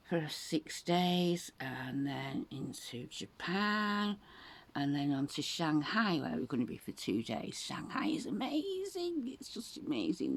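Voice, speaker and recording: Chatty woman in her sixties. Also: a bass voice. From England. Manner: rambling, chatty, animated when quoting others. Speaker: vlogger. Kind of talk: casual monologue.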